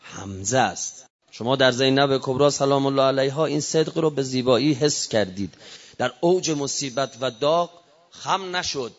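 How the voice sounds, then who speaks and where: A man's voice: mid-range voice, expressive, muffled recording. A man preaching an emotional memorial sermon, his delivery swelling and falling. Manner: rising and falling emotional oratory.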